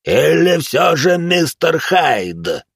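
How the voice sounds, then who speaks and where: A man reading an audiobook, voicing a huge hunched monstrous man who talks in a slow, menacing growl. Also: on the high side, big pitch swings, vocal fry, fairly bright tone, slightly rough, no room sound, clean studio sound, voice pushed up, exaggerated voice. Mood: roaring.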